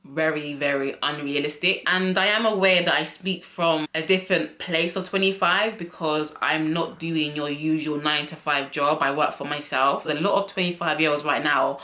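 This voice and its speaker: Brit girl in her 20s talking straight to camera, lowish voice but bright and forceful, echoey room. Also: fairly even intonation, normal speed, few pauses. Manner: chatty, candid, confiding. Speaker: vlogger. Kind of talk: casual chat to camera. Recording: roomy echo.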